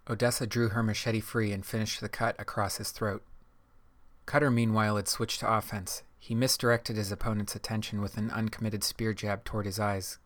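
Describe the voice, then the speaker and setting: A male audiobook narrator with a low voice. He reads in a measured, even way and keeps his pitch flat. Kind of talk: scripted narration.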